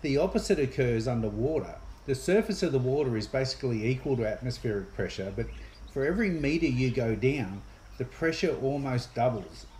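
A man's voice: medium pitch, lively intonation, a little fast, darkish tone, slight background noise, rough recording. Australian man explaining in a matter-of-fact way. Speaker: fishing show host. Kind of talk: explanatory fishing video. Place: kitchen indoors.

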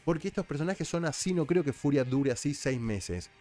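A man's voice: on the high side, expressive, brisk, dark tone, soft background music. A man with an Argentine accent giving casual commentary as a reality show recap host, chatty and explanatory. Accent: Argentine Spanish. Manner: chatty, explanatory, with frequent restarts.

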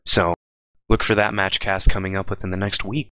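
A young man co-casting an online game match, making quick announcements and teasing his partner. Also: sits low, flat delivery, sharp tone, clear, resonant tone, no room sound, poor audio. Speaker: esports caster. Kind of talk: live esports commentary.

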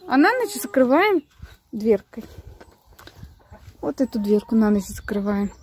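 A woman with a fairly high voice talks slowly while vlogging outdoors in her garden and chicken yard. She takes her time, hunts for words, and coos fondly at her hens. Soft clucking and faint noise sit behind her on a handheld camera. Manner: unhurried, searching for words with many fillers; cooing affectionately to her hens. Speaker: village vlogger. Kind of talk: casual walk-and-talk vlog.

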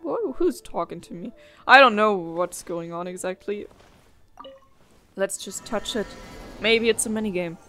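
A young female let's player chats casually through a game. Her medium-pitched voice rambles and reacts as she goes, with some music playing faintly behind her. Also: animated, unhurried, long pauses, a bit bright. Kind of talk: casual playthrough commentary.

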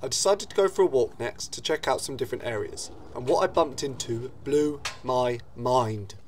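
Documentary narrator: British man, thirties, scripted wildlife narration, measured and dramatic storytelling. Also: mid-range voice, slight background noise.

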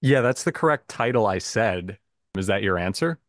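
Dry, low-voiced playful male host. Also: lively intonation, moderate pace, fairly bright tone, no room sound. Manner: playful, self-mocking. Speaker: podcast game show host. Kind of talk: casual podcast hosting.

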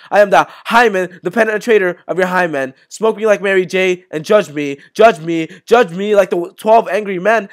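A young man with a fairly high voice performs spoken word poetry. His delivery is intense and rhythmic. He is recorded through an earphone mic on a webcam in a small bedroom. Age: young adult.

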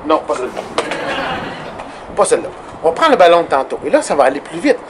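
A man's voice: on the high side, very animated, quick pace, background noise. A man teaching a children's music lesson outdoors, counting beats aloud as he bounces a ball.

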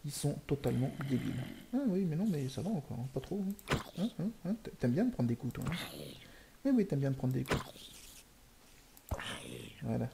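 Rough-voiced gamer yelling in panic. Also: male voice, medium pitch, very animated, moderate pace, long pauses, noisy background. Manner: jokey, swearing, shouts in panic then mutters. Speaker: gaming streamer. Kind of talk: live Minecraft let's play commentary.

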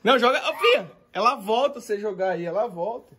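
A young man with a Brazilian Portuguese accent talks in a high, bright voice while filming his family on a phone. He jokes and teases constantly, in a loose home-vlog style. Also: expressive, fast talker, slight background noise. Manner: joking, teasing, laughing. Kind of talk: casual vlog chat. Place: home kitchen, indoors. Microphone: phone camera he holds.

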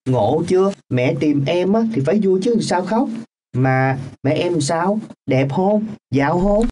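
A woman's voice: on the low side, animated, unhurried, warm tone, slight background noise. A woman voicing a poor teenage boy who sells lottery tickets, speaking in a coaxing, brotherly way in a radio drama.

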